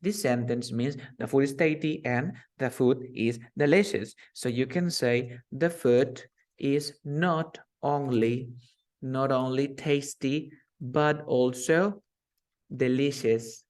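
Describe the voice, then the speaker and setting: A man's voice: medium pitch, a little mellow. Male English teacher, patient and repetitive, on a video call. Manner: explains slowly, repeats words, switches to Spanish. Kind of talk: online English class.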